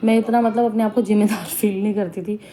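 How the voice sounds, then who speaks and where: A woman's voice: mid-range voice, fairly even intonation, fast, dark tone. A young woman casually narrating a family vlog, chatty and homely in her storytelling. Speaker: family vlogger.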